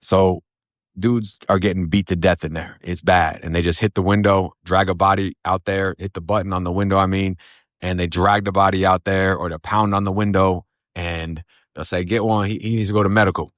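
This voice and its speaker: A man's voice: low-pitched, level tone, moderate pace, no echo, clean studio sound. A man from Florida casually telling his own story in blunt, profane street slang, often saying "bro" and "man". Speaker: storyteller recounting his past. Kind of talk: casual first-person storytelling.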